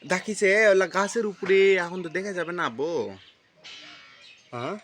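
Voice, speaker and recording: A woman's voice: on the low side, measured pace, a little hiss or hum. A young woman, talking with her toddler outdoors in a singsong, coaxing voice. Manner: coaxing, singsong baby talk. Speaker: parent. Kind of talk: casual family chat with a toddler. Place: outdoors in a yard.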